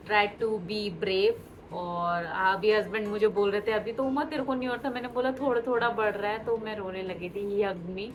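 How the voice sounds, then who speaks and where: A woman's voice: mid-range voice, rough recording. A young woman vlogger telling a personal story in an emotional way, mixing Hindi and English.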